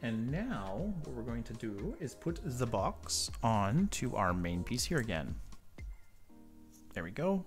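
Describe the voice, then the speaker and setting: Working at an indoor tabletop workbench, a man with a cold-stuffed nose hosts a model-building tutorial, chatting casually and drifting into rambling asides. His medium-pitched voice swings widely in pitch, he speaks slowly, and soft music plays in the background.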